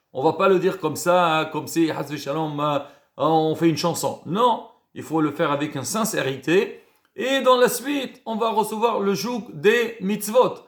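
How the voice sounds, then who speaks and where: A high-pitched man teaches as a rabbi, explaining each point calmly and sprinkling in Hebrew terms. His voice has a gravelly edge and rings in an echoey room. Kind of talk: casual religious lesson.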